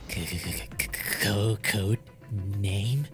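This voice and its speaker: A man voicing a scrawny, nervous, menacing villain in a game, with stammering, halting, drawn-out threats. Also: fairly low pitch, a bit bright. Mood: nervous, shifty. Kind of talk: amateur voiced playthrough of a visual novel. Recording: music behind the voice.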